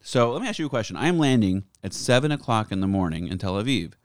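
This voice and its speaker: A man with a lowish, animated voice hosts a casual podcast in close, dry sound. He banters jokily and slips from English into Hebrew words midsentence. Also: quick pace, no room sound. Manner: bantering, jokey. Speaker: podcast host. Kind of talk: casual comedic chat.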